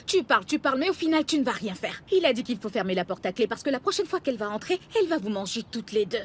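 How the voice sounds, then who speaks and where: Snappy, scornful woman with swooping pitch. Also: very animated, quick pace, a little hiss or hum. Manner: snappy, mocking. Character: scornful, sharp-tongued female neighbour, snappy and threatening. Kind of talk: dubbed comedy-drama acting.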